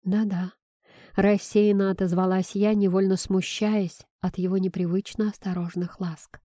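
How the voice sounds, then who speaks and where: A woman narrating an audiobook in the first person, with a measured, expressive reading. Her voice has a mellow, warm tone of middling pitch. The recording is close and completely dry. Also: dry recording.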